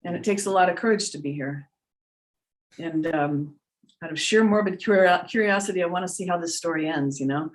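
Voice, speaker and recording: A woman's voice: lowish voice, brisk. Earnest middle-aged woman, reflective spiritual talk. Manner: earnest, reflective, repeats words for emphasis. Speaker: trance medium, guest answering questions.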